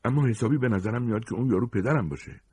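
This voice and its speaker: A man's voice: mid-range voice, a little mellow, breathy edge, no echo, voice pushed up, natural voice. A man voicing an uneasy young man in a gang, hesitant as he speaks up.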